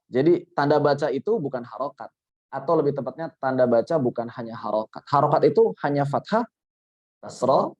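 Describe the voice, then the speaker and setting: Male tajwid teacher, fast talker, patient explainer, muffled video-call audio. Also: mid-range voice, expressive. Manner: patient explaining with repeated examples. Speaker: Quran recitation teacher. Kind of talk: explaining online workshop.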